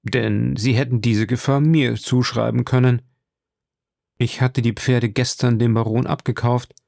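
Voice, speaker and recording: A man voicing a composed, middle-aged noble count in an audiobook, speaking low and measured. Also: steady tone, vocal fry, a little mellow, no room sound, clean studio sound. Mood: courteous. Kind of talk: audiobook reading.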